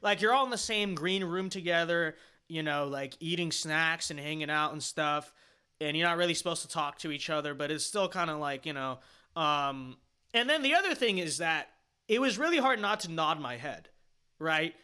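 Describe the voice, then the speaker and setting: A man livestreams reaction commentary on his own panel debate, rambling and opinionated with lots of fillers and restarts, and sounding emphatic and dismissive. His voice is a little high, animated and sharp yet clean, at normal speed.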